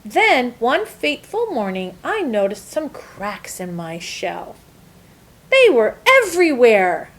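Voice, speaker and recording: A woman voicing an earnest, eager-to-please good egg in an expressive, emphatic children's storybook telling. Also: on the high side, slow, full character voice. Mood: earnest, weary. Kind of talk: first-person children's storybook narration.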